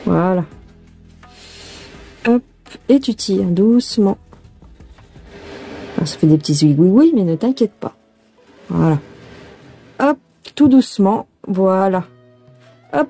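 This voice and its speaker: A woman hosting a cross-stitch tutorial chats and thinks aloud to the viewer as she stitches, her phone recording her hands in this casual, hands-on lesson. Her voice is mid-range with a dark tone.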